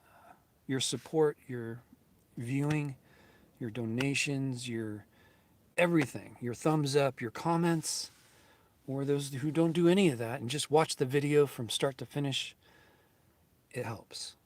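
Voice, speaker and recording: A mid-pitched man in his fifties hosts his own vlog. He speaks earnestly and gratefully, rambling through his thoughts with plenty of fillers and restarts. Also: unhurried, long pauses, a little mellow, no echo. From United States. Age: 50s. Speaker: YouTube channel host. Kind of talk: casual vlog talk to viewers.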